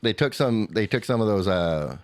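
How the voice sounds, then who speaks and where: A man with a fairly low voice spins a loose, animated story, jumping up in pitch when he acts out other people. The sound is dry and close, with faint music underneath. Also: normal speed, dry recording. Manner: animated storyteller, mimics a screaming child in high squeals. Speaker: podcast co-host. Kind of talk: casual storytelling chat.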